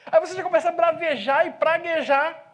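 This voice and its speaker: A man with a Brazilian accent, a pastor preaching in a church, telling a story with lively swings from loud to hushed speech. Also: very high-pitched, fairly quick. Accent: Brazilian Portuguese. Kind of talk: sermon storytelling. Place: church sanctuary.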